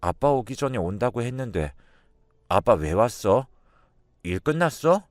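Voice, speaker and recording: A man's voice: mid-range voice, animated, measured pace, no room sound, clean studio sound, lightly acted. A man voicing a little girl in a storybook tale, talking in a childish, plaintive way. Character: little girl, whiny and confused.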